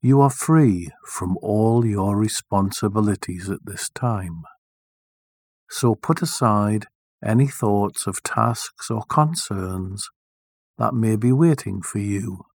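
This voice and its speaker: A man leading a guided meditation, speaking softly and soothingly with long, deliberate pauses. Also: lowish voice, dry recording, studio quality.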